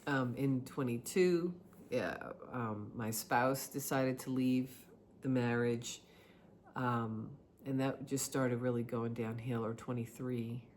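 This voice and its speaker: A middle-aged woman giving a confessional personal monologue in a halting, reflective way, often pausing between short phrases. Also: extremely low pitch, fairly even intonation, darkish tone, a little hiss or hum. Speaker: vlogger sharing personal experiences.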